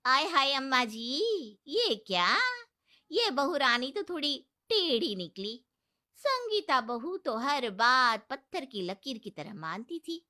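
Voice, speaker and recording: Casting: a woman playing a cheeky, mocking maid, high and very bright. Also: very animated, takes it slowly, heavily acted. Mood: gossipy. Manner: teasing, mocking. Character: gossipy, mocking female house maid.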